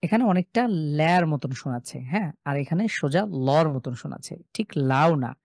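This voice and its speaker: Man, recitation teacher, mellow warm voice, dry close sound, explains then recites slowly. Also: a little high, animated, vocal fry, no echo. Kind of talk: online tajweed lesson.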